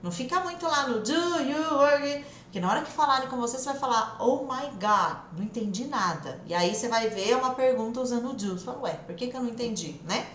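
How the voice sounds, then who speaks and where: Woman teacher w/ interior são paulo accent, bit high voice, echoey room, energetic live lesson. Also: a little hiss or hum. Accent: interior São Paulo Brazilian Portuguese. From interior of São Paulo state, Brazil. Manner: energetic, drills phrases slowly and repeatedly. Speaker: English teacher. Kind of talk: live online English lesson.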